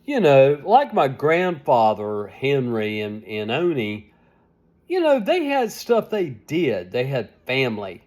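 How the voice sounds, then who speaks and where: Older man in his seventies, slow rambling vlog talk, sleepy and tired, pitch swinging up and down. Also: wildly swooping pitch, a little mellow. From United States. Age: 70s. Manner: rambling, complaining, repeating himself. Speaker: vlogger. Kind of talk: casual vlog monologue.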